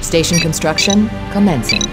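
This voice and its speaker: A woman voicing a calm starship computer that gives clipped status reports in a video game. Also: fairly low pitch, normal speed, over loud music. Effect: ship computer announcement voice. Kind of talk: video game unit voice lines.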